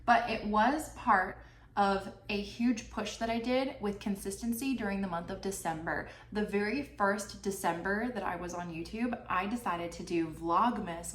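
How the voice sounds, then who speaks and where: Sounding congested from a cold, a chatty young woman with a mid-range voice talks through what her YouTube channel earns, sprinkling in plenty of "like" and "you know." It's a casual talking-head vlog, captured on a somewhat distant mic in a roomy space with faint background hiss.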